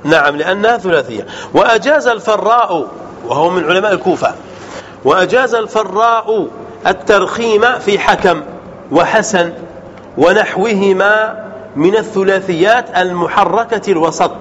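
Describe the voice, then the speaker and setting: A man teaching an Arabic grammar lesson as a sheikh, explaining rules and quizzing his students with quick questions. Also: sits high, fairly bright tone. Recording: dull lo-fi sound with faint noise.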